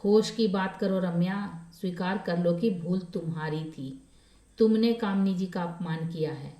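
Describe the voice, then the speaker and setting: Woman reading a steady reasoning husband, slow, mellow voice, storybook. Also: fairly low pitch, roomy sound, natural voice. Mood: earnest. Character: calm grown man, reasoning husband.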